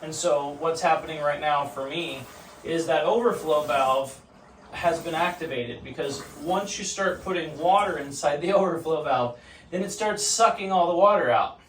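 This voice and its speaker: In an echoey bathroom with water sloshing, a man sits in an ice cold home bathtub and casually explains ice baths to the camera. He has a fairly high, fairly bright voice at a moderate pace, picked up by a distant mic.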